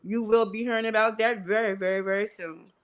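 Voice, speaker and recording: A woman's voice: medium pitch, steady tone, fairly quick, slight background noise. A middle-aged woman media personality introducing herself on a talk show, speaking through a face mask. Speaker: radio and TV host, media personality.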